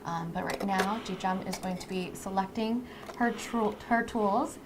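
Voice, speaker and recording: Speaking at a medium pitch and a measured pace, a woman co-hosts a live stream and introduces a lash artist. She explains things to the audience in a casual, chatty, conversational way, and the recording is clear of background noise.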